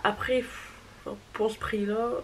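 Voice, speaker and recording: A woman's voice: medium pitch, flat delivery, slow, slight background noise, poor audio. Chatty young woman reviewing makeup. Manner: chatty, hesitant, reassuring. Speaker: beauty vlogger.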